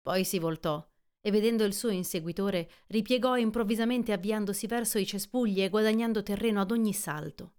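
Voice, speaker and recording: Smooth-voiced woman narrating a novel. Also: mid-range voice. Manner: even, measured storytelling. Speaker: audiobook reader. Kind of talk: scripted literary narration.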